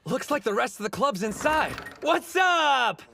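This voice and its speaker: A blunt, determined teen wrestler. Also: male voice, very high-pitched, big pitch swings, unhurried, vocal fry, exaggerated voice. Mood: steady. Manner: blunt, stern, confident. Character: short, fiercely determined teen sumo wrestler. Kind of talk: anime dub acting.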